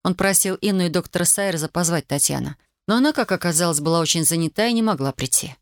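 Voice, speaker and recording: Steady audiobook narrator, dry close sound. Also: medium pitch, fast, dry recording. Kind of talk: scripted narration.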